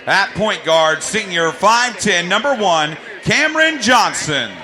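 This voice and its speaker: A man working as a PA announcer, calling starting lineups in a gymnasium in a booming stadium style with drawn-out names. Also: lively intonation. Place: high school gymnasium. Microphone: PA system. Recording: loud music and crowd over PA.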